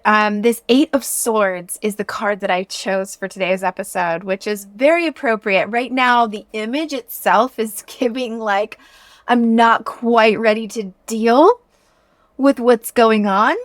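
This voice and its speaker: A woman speaks as a podcast host in a casual, chatty style, addressing her listeners directly. Her delivery is expressive, with a mid-range pitch, and the sound is close and dry with very little room. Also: dry recording.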